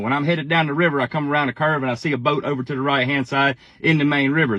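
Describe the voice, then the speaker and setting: Fast-talking man telling a tale. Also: a little high, dry recording, lo-fi sound. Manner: animated, folksy, swears freely. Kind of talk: casual storytelling to camera.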